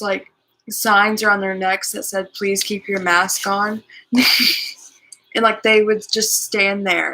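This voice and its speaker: Creaky, bright young woman telling a story. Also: medium pitch, low-quality recording. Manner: filler-heavy, giggly, says "like" a lot. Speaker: family member of the host, guest on the stream. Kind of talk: casual storytelling. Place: outdoors, chilly.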